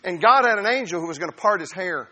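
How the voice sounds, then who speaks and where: Animated, high-voiced male preacher. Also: fast talker. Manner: animated, humorous storytelling. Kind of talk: sermon. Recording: reverberant hall.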